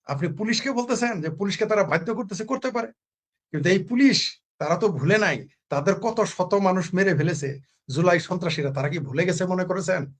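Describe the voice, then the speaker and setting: A man's voice: high-pitched, a little fast. A man from Bangladesh speaking as a political commentator in a heated talk-show argument, full of rhetorical questions and repeated phrases.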